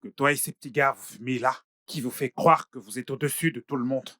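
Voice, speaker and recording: A man's voice: medium pitch, fairly even intonation, a little fast, a bit bright, no room sound, clean studio sound, natural voice. A man dubbing a stern, angry male employer who gives curt, threatening commands. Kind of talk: French film dub.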